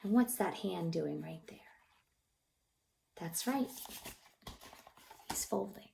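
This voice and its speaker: Taking it slowly in a lowish, creaky voice, a woman reads a picture book to young children as their childcare teacher. She questions her little listeners, keeps an expressive, encouraging tone, and often sinks into a near-whisper, with slight noise in the background.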